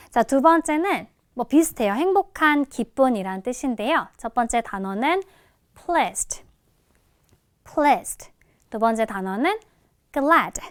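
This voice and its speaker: A woman teaching English listening in a recorded lecture, addressing students casually and modelling each word's pronunciation slowly. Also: high voice, fairly bright tone, clear, resonant tone, no room sound, clean studio sound.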